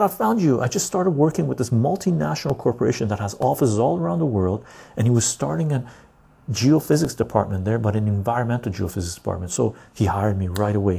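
A man's voice: mid-range voice, gravelly, warm tone, slightly rough. A man, hosting a casual livestream, reading chat and rambling with frequent "right?" tags. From Canada, born in Iran. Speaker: livestream host.

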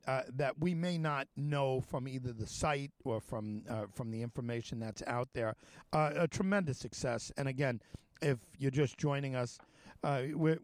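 Halting male talk show host. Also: mid-range voice, no room sound. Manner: halting, many fillers and restarts. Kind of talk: casual interview chat.

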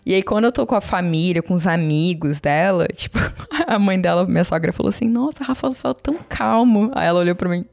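Chatty Brazilian woman, lowish voice. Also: fast talker, gravelly, few pauses, a little mellow. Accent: Brazilian Portuguese. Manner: chatty, self-deprecating, many fillers. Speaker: guest, social media marketer. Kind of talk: casual conversation.

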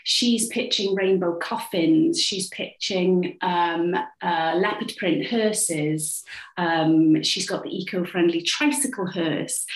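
A woman from Cardiff with a Welsh accent, chatting informally as she answers interview questions about her work as a playwright. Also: medium pitch. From Cardiff, Wales. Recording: echoey room sound.

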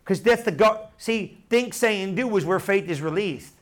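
Middle-aged male pastor, high-pitched voice, lively sermon delivery with call-and-response repetition. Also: moderate pace. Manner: animated preaching with repeated phrases and congregation call-and-response.

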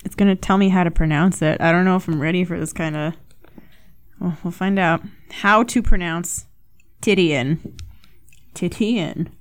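Speaking on her own podcast, this young woman has a lowish, clear, resonant voice and a moderate pace. Her talk is loose and rambling, self-deprecating, with plenty of curse words.

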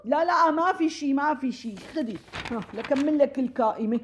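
A busybody Syrian matchmaker neighbor; slightly high, theatrical, rapid patter for a comic audio play. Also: female voice, expressive, a little hiss or hum. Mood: bossy. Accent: Syrian Arabic. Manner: rapid, theatrical, talks over others. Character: chatty meddling middle-aged matchmaker neighbor woman. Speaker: comic audio drama actress. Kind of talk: comic radio-play acting.

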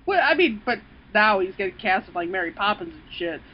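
A woman co-hosting a casual podcast chat, animated and laughing often, with casual swearing. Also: mid-range voice, a little fast, lo-fi sound, slight background noise. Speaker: podcast co-host.

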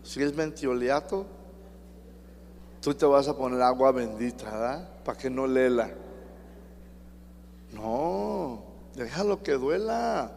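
A man's voice: medium pitch, animated, takes it slowly, creaky, long pauses, a little mellow. A man with a Mexican accent preaching a sermon, emphatic and speaking straight to his congregation. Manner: emphatic, addresses the congregation directly. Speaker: pastor. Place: church hall. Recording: reverberant hall with faint hum.

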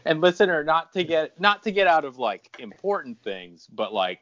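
A man's voice: on the high side, big pitch swings, moderate pace, a bit bright. A man hosting a podcast in casual chat, joking and laughing as he talks. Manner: jokey and laughing. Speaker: podcast host. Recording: dull lo-fi sound.

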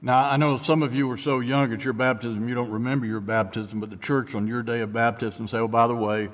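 A middle-aged male pastor preaching a sermon, speaking haltingly with frequent restarts and soft, trailing line endings. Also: mid-range voice, fairly even intonation. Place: church sanctuary. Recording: long church reverb.

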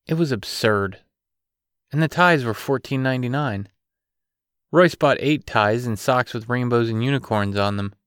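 A man reading a romance novel aloud as an audiobook narrator, with steady, even storytelling. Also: mid-range voice, smooth, no echo, clean studio sound. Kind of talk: scripted narration.

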